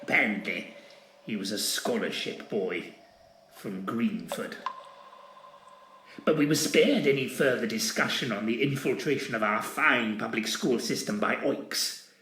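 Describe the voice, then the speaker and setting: A man's voice: lowish voice, a little slow, fairly bright tone, a little hiss or hum. A man giving scripted comic narration in a plummy, theatrical upper-class manner. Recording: roomy echo.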